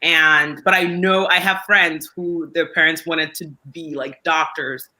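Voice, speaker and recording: A woman's voice: sits low, steady tone, a little slow, bright, forceful tone, poor audio. A woman from Nigeria talks casually as a panel guest on a video call. She rambles cheerfully and makes fun of herself. Her tone stays loose and friendly. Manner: self-mocking, chatty.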